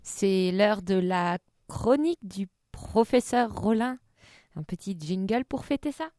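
A woman's voice: mid-range voice, animated, unhurried, mellow. A woman hosting a comic radio show, telling a story in a playful, mock-earnest way.

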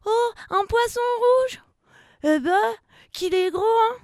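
A woman voicing an eager little female mouse crewmate with shrill, excited squeaks. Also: takes it slowly, dry recording, studio quality, full character voice.

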